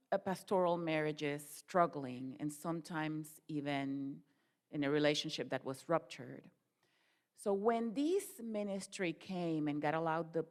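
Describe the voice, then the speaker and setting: A woman who works as a marriage counselor, giving an earnest personal testimony and sometimes searching for her words. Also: on the low side.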